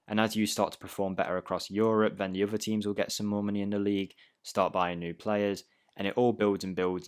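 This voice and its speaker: Young man, gaming channel host, upbeat chatty voice-over, rapid delivery, deeper pitch. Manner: casual, chatty and upbeat, talks straight to viewers. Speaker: video game channel host. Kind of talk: voice-over commentary on game save ideas.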